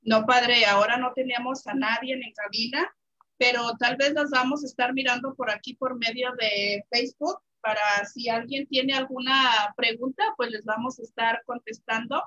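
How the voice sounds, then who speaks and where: A woman with a bright, fairly high voice answers the host politely and briefly. She sounds distant from the microphone, and the pickup is dull and lo-fi. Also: steady tone, normal speed. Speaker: radio station staff.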